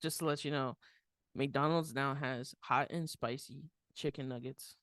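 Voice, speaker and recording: A man co-hosting a podcast, chatting casually with laid-back, drawn-out reactions. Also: medium pitch, steady tone, fairly bright tone, no room sound, studio quality. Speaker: podcast co-host.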